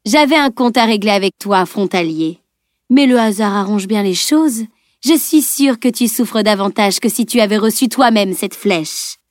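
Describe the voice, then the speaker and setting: A woman's voice: mid-range voice, animated, moderate pace, no room sound, studio quality, natural voice. A woman reading an audiobook and voicing a scornful, cruel female villain with a mocking, contemptuous delivery.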